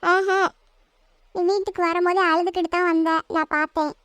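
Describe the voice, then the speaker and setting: A woman voicing a high, whiny little sister. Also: steady tone, normal speed, fairly bright tone, no echo. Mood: nagging, tattling. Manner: whiny, tattling, pestering. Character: bratty nosy little sister girl. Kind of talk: cartoon voice acting.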